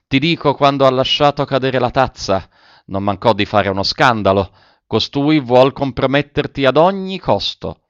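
A man reading aloud, voicing an anxious, quick-witted young noblewoman in a storybook reading, pleading in a raised voice. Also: mid-range voice, lively intonation, no echo, dull audio, voice pushed up, lightly acted. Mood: urgent.

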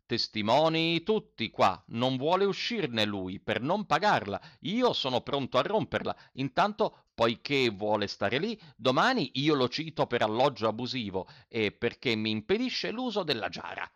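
A man voicing a hot-tempered, stingy landowner who shouts and exclaims indignantly. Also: mid-range voice, sing-song, normal speed, hardly any pauses, dry recording.

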